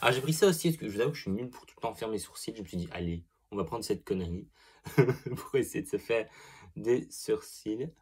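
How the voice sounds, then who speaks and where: A young man talks through a makeup haul in a loose, gossipy vlog style. He is chatty and expressive, swears freely, and gushes over each product as he goes. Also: fairly low pitch, fast, slightly rough. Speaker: beauty vlogger. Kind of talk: casual makeup product review.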